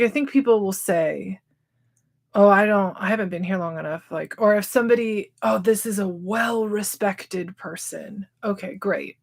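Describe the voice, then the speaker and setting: A woman in her thirties, a nurse educator, giving casual advice in a chatty way, full of fillers and acting out people's inner thoughts. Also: mid-range voice. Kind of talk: casual advice talk to camera.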